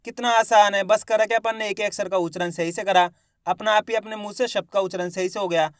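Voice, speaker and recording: A man teaching Hindi reading, sounding words out slowly syllable by syllable and then repeating each whole, while he encourages viewers as friends. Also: high voice, steady tone, dry recording, studio quality.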